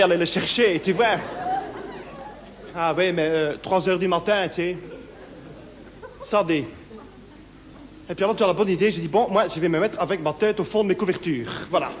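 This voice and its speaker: A man's voice: normal speed, pauses often, a faint crowd. A man with a Brussels French accent performing a nervous, rambling one-man stage monologue, full of local fillers and sudden put-on voices. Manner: acts out other voices in higher pitch. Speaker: stand-up performer. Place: theatre stage. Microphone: handheld stage mic. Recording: long hall reverb, faint room noise.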